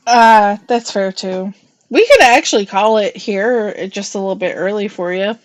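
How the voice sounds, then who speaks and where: A woman's voice: mid-range voice, normal speed. Chatty young woman narrating her gameplay. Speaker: streamer playing a farming game. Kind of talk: casual live-stream chat.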